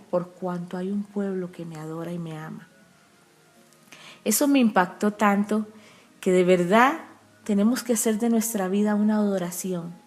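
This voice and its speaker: A woman's voice: medium pitch, a little mellow. Earnest Costa Rican woman preacher. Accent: Costa Rican Spanish. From Costa Rica. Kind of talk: testimony in an interview.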